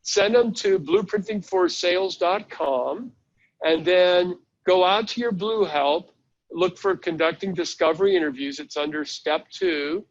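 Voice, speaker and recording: Guy running a webinar, slightly high voice, talks you thru the site click by click, kinda muffled audio. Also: expressive, unhurried, vocal fry. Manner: chatty, walks listeners through a website step by step. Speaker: webinar presenter. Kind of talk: live online training session.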